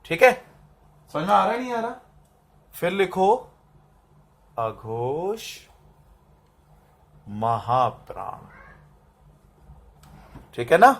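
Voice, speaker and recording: A man with a fairly high voice leads a classroom-style lesson. He drills students through lists of terms and syllables, repeats them slowly, and keeps checking that they follow. He records it himself on a camera that he sets up and adjusts. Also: a bit bright. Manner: drills terms and asks "समझ में आ रहा है?" to check understanding. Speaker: Hindi teacher. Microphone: camera mic, set up and adjusted by himself.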